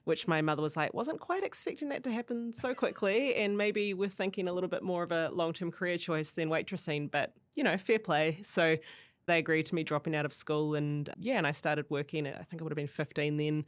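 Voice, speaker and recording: A woman from Auckland with a New Zealand accent, a podcast guest telling her story in a candid, animated way. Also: low-pitched, brisk, no room sound. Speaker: guest, company co-founder. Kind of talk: podcast interview.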